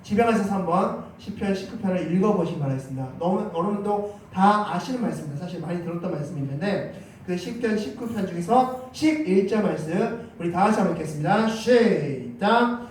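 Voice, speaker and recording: A man's voice: sits high, animated, fast talker, a little mellow, a little hiss or hum. A man preaching a Sunday sermon as pastor, emphatic, his voice rising when he voices scripture. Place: church sanctuary. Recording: very echoey church hall, mic at a distance.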